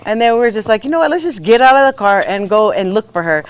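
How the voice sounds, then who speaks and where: A woman co-hosting a podcast, telling a family story in a rambling, animated way with lots of fillers. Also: mid-range voice, fast talker, smooth. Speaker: podcast co-host. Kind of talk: casual storytelling chat.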